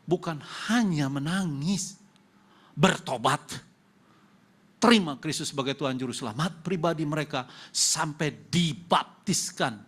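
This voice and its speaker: Indonesian-speaking pastor preaching with loud bursts. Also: male voice, animated, a little slow, husky. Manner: preaching with sudden loud high-pitched emphasis, asks the congregation questions. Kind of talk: sermon. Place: church hall.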